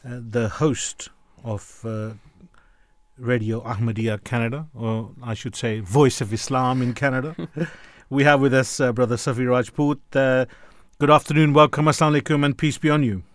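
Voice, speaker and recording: A male radio host with a mid-pitched voice interviews his guests with formal courtesy. His speech is recorded dry and close, and it often stops and restarts mid-phrase. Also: fairly even intonation, normal speed, no echo.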